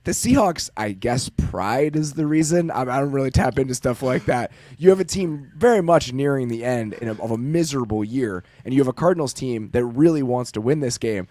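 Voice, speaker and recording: Wry teasing podcast host. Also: male voice, mid-range voice, expressive, brisk, few pauses, mellow, dry recording. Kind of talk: casual podcast chat.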